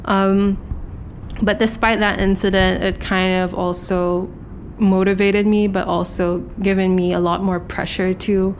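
A young woman from Hong Kong, a podcast guest, telling candid stories quickly with lots of fillers. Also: medium pitch, little pitch movement, a little hiss or hum. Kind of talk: casual interview chat.

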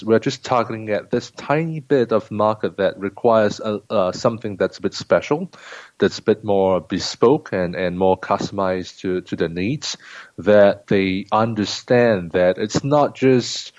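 A man's voice: fairly low pitch, no room sound, muffled recording. A man from Singapore with a Singaporean accent, a consultant talking in an interview with many restarts and fillers. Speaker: guest, leadership trainer and consultant. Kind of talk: interview conversation.

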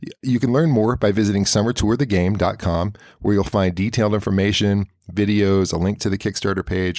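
A man's voice: fairly low pitch, darkish tone, no echo, studio quality. A man hosting a podcast, reading an intro and promotion in an earnest, upbeat way. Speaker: podcast host. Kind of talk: scripted podcast intro and sponsor read.

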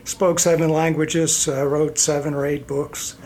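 Older man, from Iceland, Icelandic native, rambling anecdotes, slightly high voice, faint room hum. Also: level tone, measured pace, darkish tone. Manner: rambling anecdotes with fillers and chuckles. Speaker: guest, company president. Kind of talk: relaxed storytelling interview.

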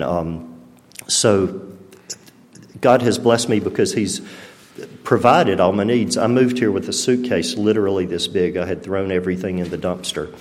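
A middle-aged man gives a halting personal testimony in church, full of restarts and fillers. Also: deep voice, big-room sound.

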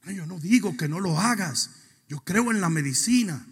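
A male pastor preaching a sermon. He swings from quiet asides to shouted, sing-song preaching. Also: high voice, animated, normal speed, breathy edge. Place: church sanctuary. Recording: long reverb of a church hall.

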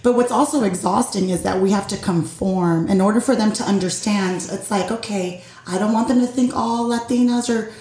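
A woman's voice: mid-range voice, fairly quick, few pauses. Earnest woman in an echoey room. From Puerto Rico. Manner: earnest, expressive, acts out quoted voices. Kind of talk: candid group conversation.

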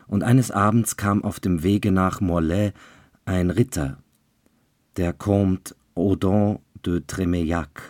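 A male storyteller narrating a dark legend in a measured, deliberate way. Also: low voice, dry recording, studio quality. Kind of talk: fairy-tale storytelling.

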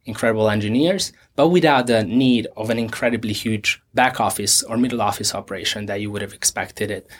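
Earnest young man, low voice. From Hungary. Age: 20s. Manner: measured, earnest, frequent restarts. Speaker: co-founder. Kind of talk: interview answers.

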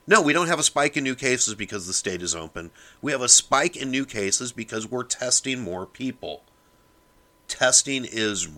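A man's voice: fairly low pitch, pushed and bright. Fired-up man lecturing his podcast audience. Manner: fired-up, lecturing, keeps addressing listeners as "people". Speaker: podcast host. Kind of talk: opinion monologue.

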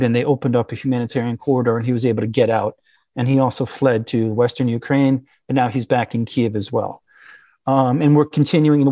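A man as an interview guest, talking in a halting, conversational way with many restarts and fillers. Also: mid-range voice, mellow, no echo. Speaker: interview guest, business owner.

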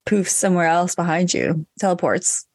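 Lowish-voiced woman chatting, dry sound. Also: lively intonation, moderate pace, gravelly, a little mellow, no echo. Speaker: podcast co-host. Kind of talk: casual chat.

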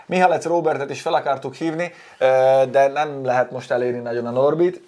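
A man in a middle pitch hosts a casual studio chat. He talks a lot and jokes freely with his co-host and guest. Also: steady tone, a little mellow. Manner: joking, talkative.

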